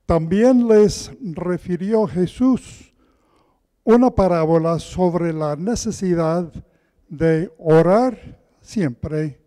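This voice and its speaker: A soft-voiced man preaches a slow, deliberate sermon, pitched rather high and mellow. His gentle words wash through the long reverb of a large, echoing church hall. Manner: slow, deliberate scripture reading. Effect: heavy echo of a large church hall.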